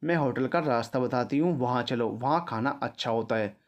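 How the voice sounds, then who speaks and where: A man's voice: mid-range voice, moderate pace, dull audio, lightly acted. A man voicing a playful young woman who teases her boyfriend and turns indignant when caught out. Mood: teasing. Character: young woman office worker, playful girlfriend.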